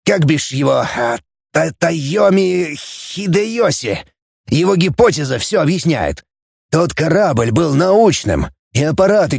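A man's voice: fairly high pitch, vocal fry, a little mellow, husky, no room sound, studio quality, pitched above the performer's own voice, full character voice. A man voicing a wiry, irritable elderly starship captain who barks and sneers at a junior officer. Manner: barking, sneering, then weary.

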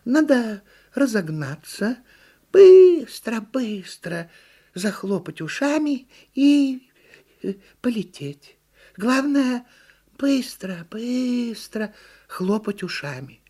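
A man reading a storybook and voicing a calm, know-it-all female turtle in a raised, firm, lecturing voice. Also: extremely high pitch, drawn-out words, voice pushed up, full character voice. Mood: instructive.

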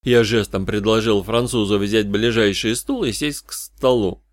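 A man narrating a first-person detective audiobook in an even, wry, measured way. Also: lowish voice, no echo, studio quality. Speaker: audiobook reader.

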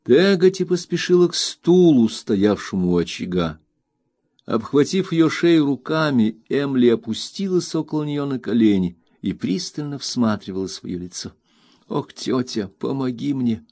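A man reading a novel aloud as narrator, measured and expressive. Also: mid-range voice, dry recording. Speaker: audiobook narrator. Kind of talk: scripted narration.

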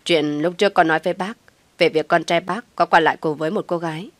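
A woman's voice: fairly low pitch, fairly even intonation, fast, no room sound, natural voice. Stern controlling older mother, voiced by a woman.

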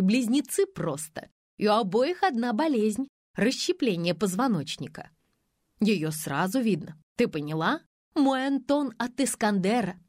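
A woman voicing a brazen young mother in an audiobook, cocky and defiant. She stays near the reader's own middle pitch, and the recording is dry and close. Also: darkish tone, dry recording, close to an everyday voice. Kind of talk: audiobook reading.

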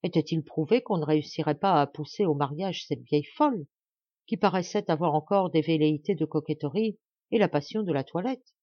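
A woman narrating a classic novel as an audiobook reader, in measured, expressive storytelling. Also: low-pitched, no room sound, dull audio.

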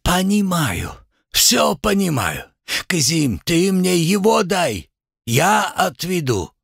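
A man playing an excitable, exclaiming male cemetery laborer. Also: sits high, slow pace, gravelly, breathy edge, dry recording, clean studio sound, pitched above the performer's own voice, heavily acted. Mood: excited.

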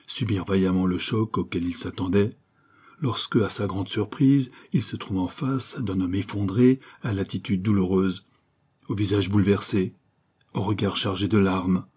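A man narrating a classic serial novel in a measured, dramatic way. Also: low-pitched, steady tone, darkish tone, husky. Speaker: audiobook narrator.

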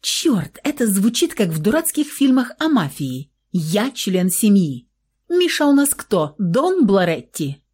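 An indignant young student girl, put on by a woman reading a story aloud snaps and shouts in a raised, swooping voice. The tone stays mellow underneath, read in a storybook manner. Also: medium pitch, sing-song, measured pace, slightly rough, pitched above the performer's own voice. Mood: mocking. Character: angry rebellious young woman student, near eighteen.

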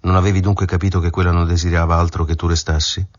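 A man's voice: low-pitched, flat delivery, very fast, no room sound, natural voice. A man reading aloud and voicing a smug middle-aged man who speaks with false good nature, in a dull, dry audiobook recording. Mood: mock-genial.

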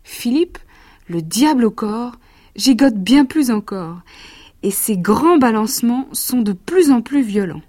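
Slow, expressive French actress reading children's verse. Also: female voice, a little high. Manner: lively rhythmic storytelling, quieter and quicker when recalling.

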